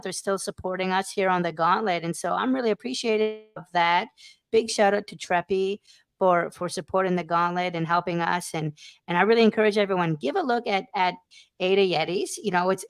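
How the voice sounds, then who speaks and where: A woman hosting a casual online show, talking effusively and giving shout-outs. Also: medium pitch, dry recording. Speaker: show host. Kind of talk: casual podcast chat.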